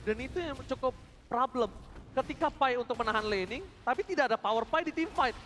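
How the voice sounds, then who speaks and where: High-pitched, rapid-fire Indonesian male fighting game announcer. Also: slight background noise. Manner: excitable, dramatic calls with English gaming phrases mixed in. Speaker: esports shoutcaster. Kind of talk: fighting game announcer style play-by-play commentary.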